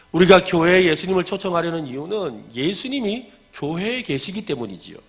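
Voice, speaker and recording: A man preaching a sermon as pastor, acting out quoted lines loudly and putting questions to the congregation. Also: fairly high pitch.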